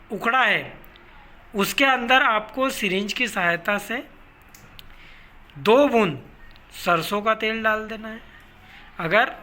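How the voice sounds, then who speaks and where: A man's voice: high-pitched, pushed and bright, slight background noise. A man, a pigeon keeper, gives practical step-by-step advice in a casual instructional talk, often addressing listeners as brothers. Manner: practical, repeats "bhai", explains step by step.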